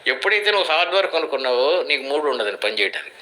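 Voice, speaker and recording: Older man preaching with bright tone. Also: a little high, big pitch swings, rapid-fire, a little hiss or hum, rough recording. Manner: preachy, teaching through parables. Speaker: guest speaker, life coach. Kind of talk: motivational interview talk.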